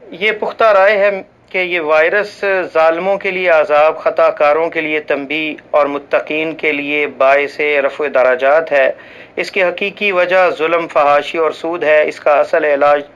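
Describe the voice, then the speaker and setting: Smooth-voiced man reading a religious ruling. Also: fairly high pitch, fairly even intonation, fairly bright tone, dull audio. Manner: formal and measured, with occasional slips and restarts; recites Arabic scripture passages. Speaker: voice-over reader for a religious channel.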